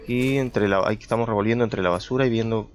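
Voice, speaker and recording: A man's voice: fairly low pitch, fast talker, slight background noise. A young man giving casual gameplay commentary, chatty and thinking aloud as he plays, talking to his viewers. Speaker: gameplay streamer.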